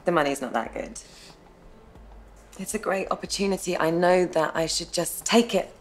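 A woman's voice: on the low side, lively intonation, normal speed, close to an everyday voice. A woman playing Steph, a hesitant young ex. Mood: thoughtful. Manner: friendly, hesitant. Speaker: supporting character in comedy series. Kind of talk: sitcom acting.

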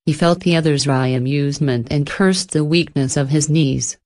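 A woman narrating a horror story script in a steady, measured storytelling manner. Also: low voice.

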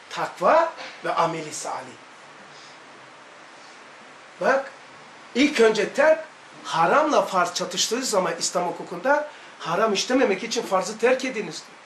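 High-voiced man teaching in an echoey room. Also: a bit bright, a little hiss or hum. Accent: Laz Turkish. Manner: emphatic, repetitive, rhetorical questions. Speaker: religious study teacher. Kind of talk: religious lesson talk.

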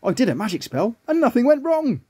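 A man's voice: extremely high pitch, sing-song, brisk, a little mellow, breathy edge, pitched above the performer's own voice, full character voice. A man voicing an eager young male milk carton who loves magic in a children's story. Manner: earnest, happy.

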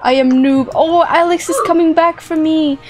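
A young woman hosts a playful gaming video from a small room full of plush toys, with music behind her. Her voice is high and steady at a normal speed. She's exclamatory and giggly, often repeating phrases.

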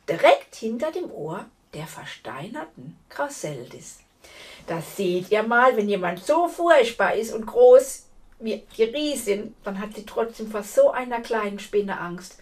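A woman reading a fairy tale aloud to children in an expressive way, talking to her listeners directly. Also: medium pitch, recorded from a distance. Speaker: storyteller.

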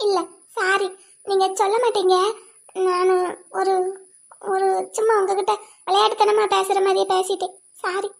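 A woman's voice: very high voice, flat delivery, normal speed, gravelly, long pauses. A woman voicing a sweet, clingy young wife in a cartoon, pleading and childlike. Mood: coaxing. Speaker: cartoon voice actor. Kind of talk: cartoon voice acting.

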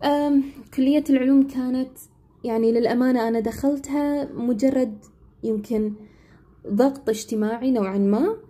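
A young woman talks quickly and casually to her live-stream audience, like an English teacher giving advice. Her voice sits a little high, with a mellow, slightly husky tone. She keeps checking in with her listeners as she goes. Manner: chatty, asks listeners "right?" often.

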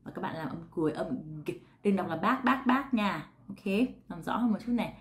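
A woman with a Vietnamese accent gives a relaxed pronunciation lesson in a somewhat low voice. She repeats each sound slowly and clearly. She turns often to the viewer with questions. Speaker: English pronunciation teacher.

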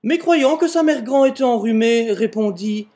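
A man's voice: very high-pitched, animated, normal speed, warm tone. A man telling a comic version of a fairy tale at home, recorded on a webcam in front of a door, with mock-exasperated asides. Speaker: amateur video maker telling a fairy tale. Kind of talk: comic storytelling.

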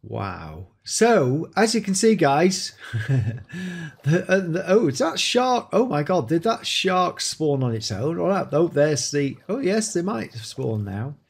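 A man's voice: a little high, sing-song, takes it slowly, creaky, slightly rough. A man hosting an enthusiastic gameplay showcase, exclaiming often as he shows off new creatures. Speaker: game showcase host. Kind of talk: excited gameplay commentary.

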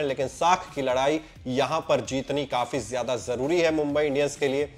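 A young adult man with a Hindi accent delivers a scripted cricket pitch report, brisk and emphatic. He's filmed head and shoulders in an indoor room.

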